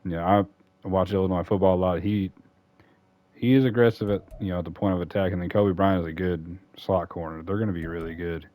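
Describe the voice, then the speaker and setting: A man's voice: deep voice, fairly even intonation, a little fast, dark tone, dry recording. A man casually talking through a football franchise game, rambling and correcting himself as he goes. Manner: rambling, self-correcting, chatty. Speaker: gaming YouTuber. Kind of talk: casual franchise-mode commentary.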